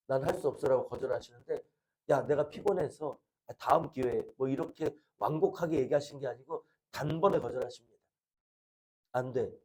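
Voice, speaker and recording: A man's voice: on the high side, dark tone. A middle-aged male pastor preaching a sermon, earnestly asking the congregation questions.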